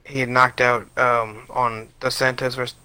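A man's voice: mid-range voice, flat delivery, normal speed, bright, forceful tone, clear, resonant tone, no echo. A man co-hosting a podcast, chatting casually about fights in a rambling way and often restarting his sentences. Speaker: podcast co-host. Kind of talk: casual sports chat.

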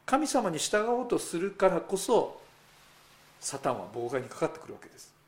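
A man's voice: sits high, big pitch swings, moderate pace. A male pastor giving a sermon in a conversational way. He speaks straight to the congregation with rhetorical asides.

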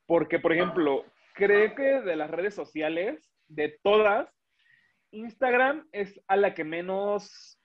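A man's voice: a little high, muffled recording. A man talking casually as an interview guest, rambling with many restarts and fillers. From Mexico. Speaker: guest, illustrator and animator.

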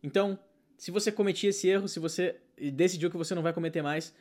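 A man teaching an online English lesson, talking in an energetic, excitable way. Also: sits high, fast.

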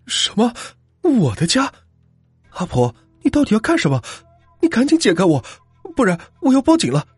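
A man's voice: huge pitch swings, very fast, hardly any pauses, warm tone, breathy edge, no echo, soft background music, exaggerated voice. A man doing a panicky, frightened young man. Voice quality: strained, high, panicky voice. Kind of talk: storytelling character voice.

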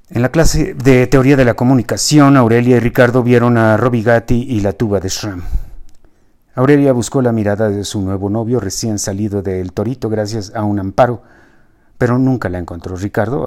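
Mellow-voiced male narrator. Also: lowish voice. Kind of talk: audiobook reading of a novel.

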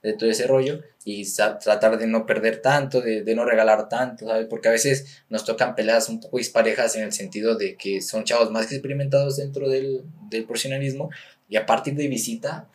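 A young man with a Mexican accent, a boxer being interviewed, talking in a relaxed, rambling way with many fillers. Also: mid-range voice, a little fast. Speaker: guest, professional boxer. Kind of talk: casual interview chat.

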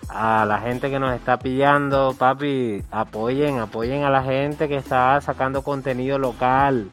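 A man's voice: medium pitch, fairly even intonation, measured pace, a bit bright. A man with a Colombian Caribbean accent talking casually on a music podcast, emphatic and slangy, often repeating himself for emphasis. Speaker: podcast co-host or guest commentator.

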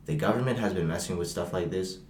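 A young man co-hosting a casual podcast chat, excitable and slangy, calling everyone bro. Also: low-pitched, fast talker, a little hiss or hum. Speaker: podcast co-host. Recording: roomy echo.

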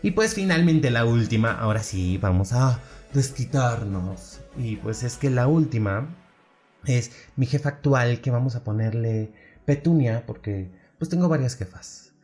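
Young Mexican guy, mid-pitch, animated rant vlog, soft music under it. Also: measured pace. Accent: Mexican Spanish. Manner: animated, mimics bosses in high mocking voice. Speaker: social media manager. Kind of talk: casual storytelling rant.

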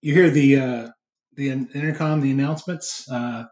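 A man's voice: medium pitch, fairly even intonation, moderate pace, darkish tone. A man hosting a casual film chat in a hesitant, rambling way. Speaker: podcast host. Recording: echoey, roomy sound.

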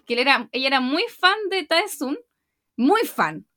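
A young Chilean woman chatting casually as a podcast co-host, retelling scenes with lively acted-out quotes. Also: high voice, normal speed. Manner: animated storytelling, acting out quotes. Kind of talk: casual chat.

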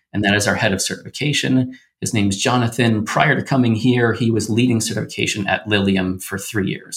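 A man answering interview questions as a startup founder, in upbeat, casual tech-bro pitch talk full of business jargon. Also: gravelly.

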